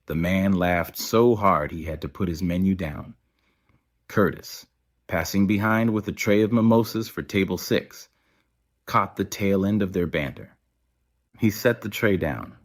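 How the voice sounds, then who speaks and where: In an audio story, a deep-voiced man serves as the storyteller, reading prepared prose between lines of dialogue at an unhurried pace.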